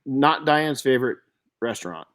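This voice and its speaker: An older man hosting a podcast, telling stories in an animated way with frequent restarts. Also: medium pitch, moderate pace. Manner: animated storyteller with many restarts. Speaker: podcast host. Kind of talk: casual podcast chat.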